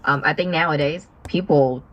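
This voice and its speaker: A young woman from Vietnam, a business partner chatting casually on a video call, friendly and asking questions with fillers and soft laughs. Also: sits low, moderate pace, highs cut off.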